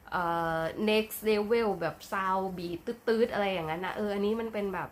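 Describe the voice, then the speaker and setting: A woman vlogger giving an excitable, casual reaction commentary, full of gasps and crude slang. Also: medium pitch, a little hiss or hum.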